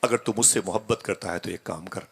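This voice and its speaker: A man's voice: low voice, brisk, gravelly, slightly rough, heavily acted. A man voicing a devout father who leaves his dying son and weeps but stays resolute, as part of a sermon story.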